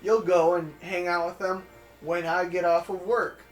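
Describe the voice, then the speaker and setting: A man's voice: sits high, level tone, moderate pace, reverberant, soft background music. A young man co-hosting a let's play, chatting casually and rambling through stories with lots of fillers. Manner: rambling storyteller with many fillers. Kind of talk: casual gaming commentary chat.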